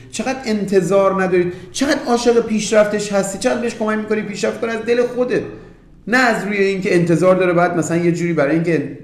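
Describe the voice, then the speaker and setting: A man's voice: sits high, darkish tone. A man giving an earnest, emphatic motivational talk as a relationship coach, repeating key phrases and speaking straight to the listener. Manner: addresses the listener directly. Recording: roomy echo.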